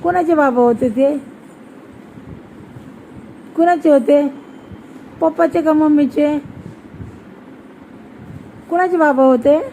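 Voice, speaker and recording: A young mother, coaxing her toddler in a slow, sing-song voice and repeating her questions. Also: sits high, warm tone, a little hiss or hum, rough recording. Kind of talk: casual coaxing chat with a small child.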